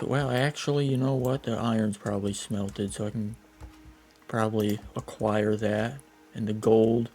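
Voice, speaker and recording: A man's voice: mid-range voice, a little mellow. A man in his late twenties chatting casually and rambling while he plays a game, joking at his own expense. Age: 20s. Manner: rambling, self-deprecating, talks while playing. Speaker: gaming YouTuber. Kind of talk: casual gameplay commentary.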